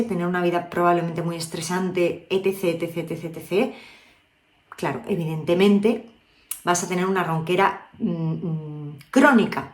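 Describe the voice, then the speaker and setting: A Spanish vocal coach with a Spain Spanish accent gives a chatty video lesson, often checking in with her viewers. Her voice is low and darkish, recorded in an echoey room.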